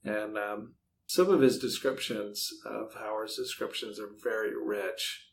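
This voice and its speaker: His voice is lowish and steady, his pace measured: a podcast host and author being interviewed in a relaxed way. He rambles slightly while thinking aloud, over faint background noise.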